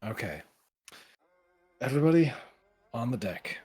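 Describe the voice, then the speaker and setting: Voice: mid-range voice, very animated, a little slow, darkish tone, husky. A game master narrating a tabletop game casually, describing scenes and voicing the characters in them.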